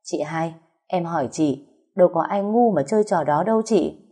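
Woman voicing a calm older matriarch, measured, fair, soft and low, storybook. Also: slightly rough.

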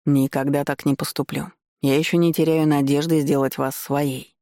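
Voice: mid-range voice, flat delivery, normal speed, dark tone, no room sound, studio quality, close to an everyday voice. Чтец озвучивает насмешливого, самоуверенного молодого лэрда, говорит вкрадчиво и неторопливо. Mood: насмешливый. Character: насмешливый обаятельный молодой лэрд-мерзавец. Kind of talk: чтение аудиокниги по ролям.

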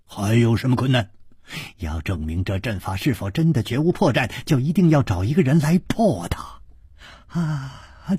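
A man voicing a courteous, scheming young male nobleman in a storybook tale, speaking in a hushed, sighing way. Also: on the high side, slightly rough, no echo, studio quality, full character voice.

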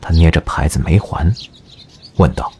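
A man narrating an audio drama in an expressive storytelling manner. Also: very deep voice, moderate pace, slight background noise.

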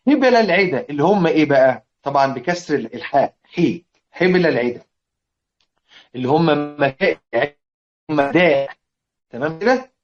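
A Quran recitation teacher with an Egyptian Arabic accent explains a classical poem in a fairly high, expressive voice. He keeps asking whether his students follow, chants verses slowly, and lists his points deliberately. The lecture recording sounds dull and lo-fi.

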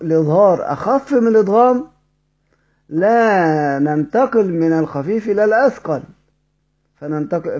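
A man with an Egyptian accent teaches the rules of recitation, explaining each one and then chanting verse examples slowly. His voice sits a little high and sounds mellow. The recording is dull and lo-fi. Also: slightly rough. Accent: Egyptian Arabic. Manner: asks questions of students, then answers them. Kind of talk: recorded tajweed lesson.

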